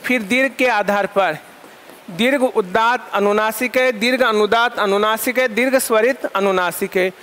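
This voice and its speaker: Teaching Sanskrit, this male lecturer answers his own questions, runs through terms in repeated lists, and dictates definitions slowly so students can take notes. He has a high-sitting voice with a fairly bright tone.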